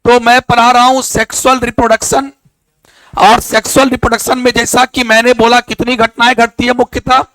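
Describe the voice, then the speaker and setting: Male teacher, classroom lecture, high sharp voice, dry sound, quizzing and scolding. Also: level tone, fairly quick, smooth, no echo. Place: classroom with students.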